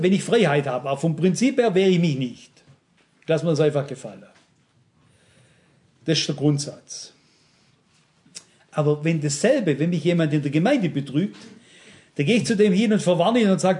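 High-voiced man preaching emphatically. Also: warm tone. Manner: emphatic, addresses congregation directly with rhetorical questions. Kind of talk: sermon.

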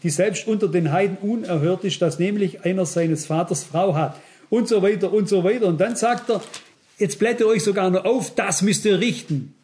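A man's voice: high voice, moderate pace. A man preaching a sermon to his congregation, often asking if they understand and acting out quoted dialogue. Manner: addresses congregation directly, asks "versteht ihr?"; acts out quoted dialogue in lively asides. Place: church before a congregation.

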